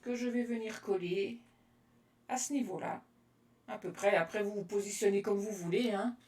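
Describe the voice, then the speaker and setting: A woman from France demonstrating card-making on a live stream, chatting with viewers by name between steps in a relaxed way. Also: mid-range voice, normal speed. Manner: chatty and relaxed, answers live comments by name, laughs often. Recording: roomy echo, voice from a distance.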